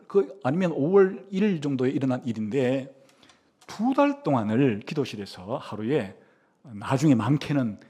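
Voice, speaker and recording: Middle-aged male pastor, storytelling sermon, lively pitch, acts out the characters, lots of "uh" fillers. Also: slightly rough. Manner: animated storytelling, acting out a child's and mother's lines; frequent "어" fillers, trailing soft endings.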